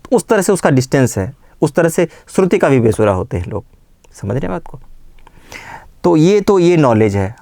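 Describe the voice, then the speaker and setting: A man teaching a singing lesson, explaining pitch patiently and often checking that his students follow. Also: darkish tone, dry recording, clean studio sound. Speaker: music teacher. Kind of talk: vocal lesson.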